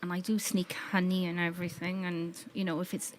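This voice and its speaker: A woman's voice: lowish voice, flat delivery, brisk, a little hiss or hum. A woman with a Welsh accent, an audience member asking a rambling, candid question at a live panel talk. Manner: rambling, self-deprecating, candid. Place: outdoor festival audience.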